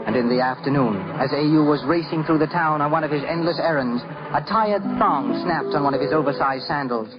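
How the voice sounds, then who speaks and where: Speaking briskly with few pauses and a fairly high pitch, this man delivers a scripted story the way 1950s radio did: theatrical, lyrical, and dramatically emphasized. Loud music runs under a dull, aged radio recording.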